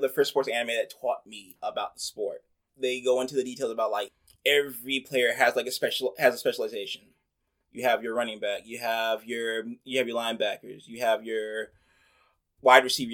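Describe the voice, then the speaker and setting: A man hosting a casual chat, rambling along in a relaxed way and filling his sentences with "like". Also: medium pitch. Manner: chatty, rambling, many "like" fillers.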